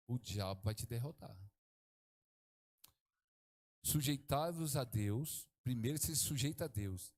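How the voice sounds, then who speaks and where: Fervent pastor preaching. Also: male voice. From Brazil. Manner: fervent preaching, pitch swings between hushed and exclaiming. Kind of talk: sermon.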